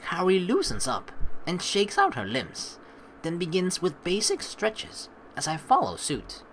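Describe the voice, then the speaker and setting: The recording is low quality with a little hiss or hum, capturing a woman whose fairly low voice swoops wildly in pitch at a slightly slow pace. She's a let's player, playfully teasing as she commentates and reads the game's visual novel text aloud.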